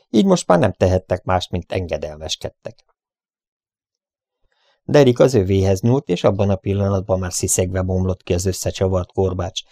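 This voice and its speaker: A man narrating an adventure audiobook in an even storytelling manner. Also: deep voice, no room sound, studio quality. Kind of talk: scripted narration.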